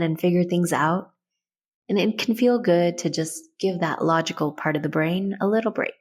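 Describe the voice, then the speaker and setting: A woman with a slightly low voice hosts a guided meditation. She walks listeners through each step, giving soft, soothing instructions in a gentle way.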